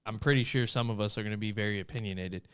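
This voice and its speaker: Smooth-voiced man telling a story. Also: fairly low pitch, rapid-fire. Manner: animated storyteller, laughs often, acts out quotes. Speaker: podcast co-host. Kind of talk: casual chat, storytelling.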